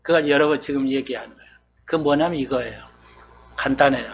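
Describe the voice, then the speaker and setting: Speaking a little fast at medium pitch, a pastor delivers a conversational expository sermon. He keeps asking the congregation questions and then plays out how they might reply.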